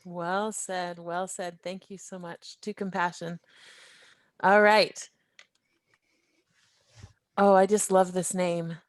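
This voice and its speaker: A woman's voice: lowish voice, level tone, slow, long pauses, dry recording. A woman hosting an online social on a video call, cheerfully calling on guests and teasing them. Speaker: event host.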